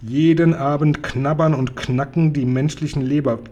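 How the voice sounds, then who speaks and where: A good-natured storybook giant who trips over his own words, played by a man with a dark, mellow, slightly husky voice that he lifts a little higher and louder than his reading voice. He speaks in a homely, folksy way. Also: steady tone, normal speed, highs cut off, close to an everyday voice. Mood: earnest. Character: kind big friendly male giant.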